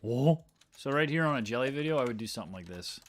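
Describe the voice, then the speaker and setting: A man talks casually into a desk microphone as he edits video on a livestream. His voice sits at an ordinary middle pitch. He thinks aloud, often trailing off and restarting his sentences. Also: expressive, racing, background noise. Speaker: video editor. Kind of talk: casual livestream talk while editing.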